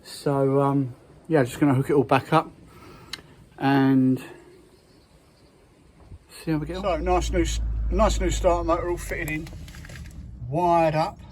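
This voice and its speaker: A man's voice: fairly high pitch, flat delivery, measured pace, long pauses, darkish tone, slight background noise. Chatty man fixing a van. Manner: chatty, plain-spoken, many fillers and restarts. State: out of breath. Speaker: van mechanic showing a repair. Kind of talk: casual how-to talk.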